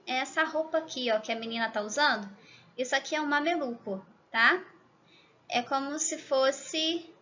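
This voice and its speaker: A Brazilian woman from Rio de Janeiro with a Rio accent, teaching a language lesson to camera, chatty and checking in often with the viewer, slowing down to exaggerate pronunciation. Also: high-pitched, sharp tone, dull audio. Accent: Rio de Janeiro Portuguese. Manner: slow, exaggerated demonstration of pronunciation. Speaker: Spanish teacher.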